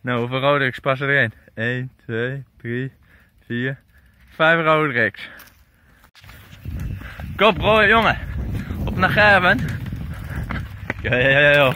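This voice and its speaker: A young man filming mountain bikers at an outdoor bike park, loudly cheering them on and chatting casually. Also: medium pitch, takes it slowly, pauses often, a little hiss or hum. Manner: loud cheering, egging riders on.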